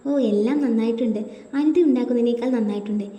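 A woman's voice: on the high side, quick pace, mellow, close to an everyday voice. A woman voicing a polite young married man, a son-in-law who talks in an eager-to-please way, recorded in a roomy space with long reverb.

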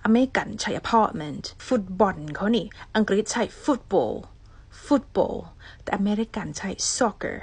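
A woman's voice: medium pitch, slightly rough, no echo. A Thai woman with a Northeastern Isan accent teaching English vocabulary in a casual, chatty way, saying each English word twice.

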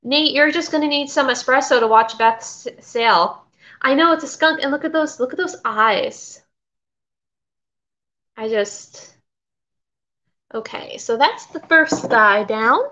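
A middle-aged woman from Florida, hosting a vintage-seller live haul in her kitchen, rambles and reads viewer comments at a measured pace, pausing often. Her high voice is bright and forceful. A webcam at her desk captures slightly dull, lo-fi audio.

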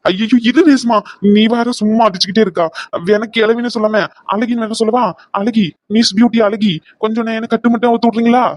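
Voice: medium pitch, level tone, fast, darkish tone, no echo, close to an everyday voice. A performer voicing a captured villain in a cartoon, a boastful man turned whiny coward who grumbles and pleads comically.

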